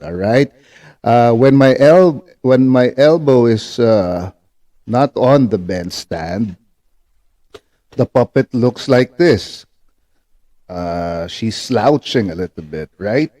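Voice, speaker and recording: A ventriloquism instructor with a mellow, mid-range voice teaches through a demonstration. He is patient and repeats himself, frequently checking in with short tag questions.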